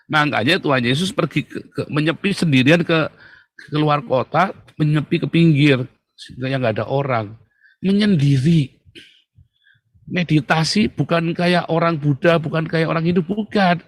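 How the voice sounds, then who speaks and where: A man with a fairly high voice preaches a casual, chatty sermon full of jokes, at a moderate pace. He swings from loud emphasis to hushed, calm words, and the recording is dry.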